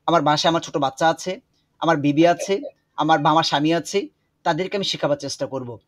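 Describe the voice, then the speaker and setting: A man with a fairly high voice leads an online Quran pronunciation lesson by video call, speaking slowly and repeating words for drilling.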